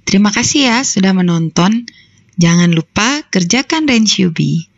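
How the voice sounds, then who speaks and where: A woman teaching a recorded language grammar lesson, explaining slowly and carefully step by step. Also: mid-range voice, animated, no room sound. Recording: dull lo-fi voice-over.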